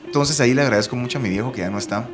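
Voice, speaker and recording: Brief: a male TV presenter, Guatemalan Spanish accent, Basque native speaker, animated storyteller, faint music under. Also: medium pitch, very fast. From Bilbao, Spain; raised in Guatemala from age five. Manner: chatty, animated storyteller, acts out quoted voices. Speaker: TV presenter, guest. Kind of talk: casual conversational interview.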